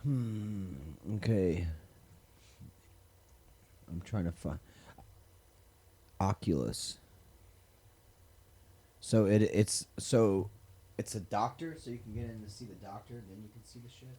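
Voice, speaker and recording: A man's voice: on the low side, slow, pauses often, mellow, breathy edge. A man co-hosting a live podcast, laid-back and casually swearing, mostly short replies. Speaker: podcast co-host. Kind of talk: casual chat.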